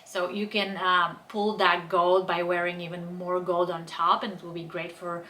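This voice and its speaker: A woman's voice: on the low side, flat delivery, moderate pace, sharp tone, slight background noise. A young woman from Bulgaria, speaking, chatting enthusiastically through a fashion haul and try-on. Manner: chatty, enthusiastic product descriptions. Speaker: fashion vlogger. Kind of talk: casual haul and try-on talk.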